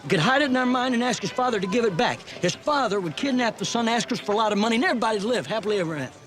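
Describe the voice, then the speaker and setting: An actor playing a dim-witted, eager and earnest crook's sidekick in a comic period film. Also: male voice, high-pitched, expressive, very fast, fairly bright tone. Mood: confused. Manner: simple, earnest, muddles his words.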